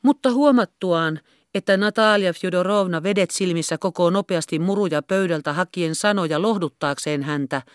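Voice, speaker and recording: Woman, audiobook narrator, classic novel, steady delivery, smooth voice, dry close recording. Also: fairly low pitch, no echo. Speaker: audiobook reader.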